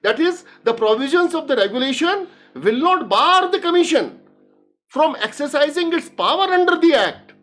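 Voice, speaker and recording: High-pitched woman lawyer, formal legal reading. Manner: formal legal reading, deliberate and emphatic with repeated phrases. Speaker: lawyer arguing before a judge. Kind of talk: formal courtroom argument. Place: courtroom live stream.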